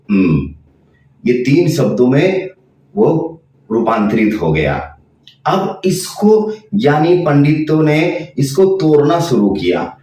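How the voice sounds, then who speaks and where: A man giving a spiritual lesson, explaining slowly and over again and demonstrating chanted sounds. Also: fairly high pitch, warm tone, recorded from a distance. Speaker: tantra teacher. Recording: very echoey room, voice off-mic.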